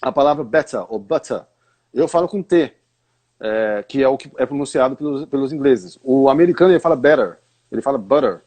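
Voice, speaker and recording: A man's voice: mid-range voice, fast, warm tone. A man, an English teacher patiently explaining in a live online interview and repeating words to show them.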